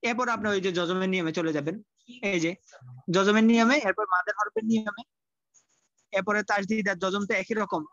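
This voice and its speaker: A man teaching Quran recitation in an online class, speaking colloquially, often repeating himself and sounding out syllables slowly. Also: high-pitched, steady tone, a bit bright, no room sound, highs cut off.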